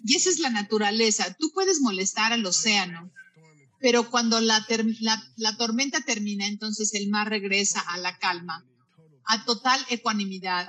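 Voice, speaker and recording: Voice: mid-range voice, bright, forceful tone, low-quality recording. A Buddhist teacher giving a spoken lesson, often repeating and restarting words mid-phrase and turning to the listeners with direct questions and asides.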